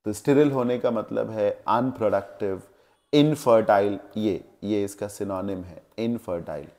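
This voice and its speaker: A man's voice: on the low side, measured pace, darkish tone. A male teacher explaining English word meanings in a classroom lesson, checking in with the class as he goes. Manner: explains word meanings with Hindi glosses, asks checking questions.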